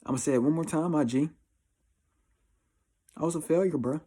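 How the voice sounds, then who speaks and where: A mellow, a little high voice at a moderate pace belongs to a twenty-four-year-old man with an American accent. As a life-advice vlogger, he talks to camera in a casual, confessional, slangy monologue, blunt and emphatic, often repeating phrases.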